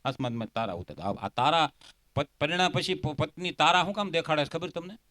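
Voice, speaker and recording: A man telling jokes and stories on stage in an animated way, quoting his characters and landing punchlines. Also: on the high side, fairly quick. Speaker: folk comedian and storyteller. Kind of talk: dayro stage comedy storytelling.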